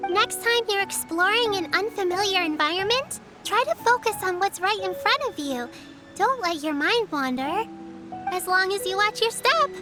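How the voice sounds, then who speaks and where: A woman uses a very high voice to play a polite, caring little girl in a video game, gently scolding in an earnest, formal, softly instructive manner.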